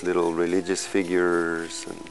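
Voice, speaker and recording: A man in his fifties from California, a musician telling his life story in a slow, reflective documentary interview, pausing and restarting as he thinks. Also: deep voice, completely flat delivery, rough recording. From California, USA. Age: 50s. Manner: slow, thoughtful, with pauses and small restarts.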